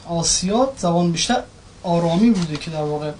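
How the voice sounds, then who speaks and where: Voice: mid-range voice, expressive, darkish tone. A participant in a class discussion, speaking hesitantly and searching for words. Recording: distant mic with faint noise.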